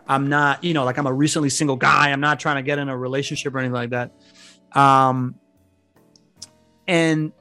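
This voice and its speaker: A fairly high, fairly bright voice belongs to a podcast guest in his thirties from a Venezuelan family, raised outside Venezuela. He chats casually and tells rambling stories with many restarts, recorded without echo.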